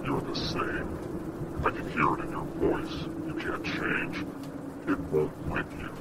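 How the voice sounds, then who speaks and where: A man voicing a desperate anonymous caller, electronic voice changer, very low and gravelly, wild swings in pitch, noisy phone line. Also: big pitch swings, takes it slowly, exaggerated voice. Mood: frantic warning. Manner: urgent, pleading, swinging from hushed to shouting. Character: frantic anonymous male caller, warning desperately. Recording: noisy late-night phone call.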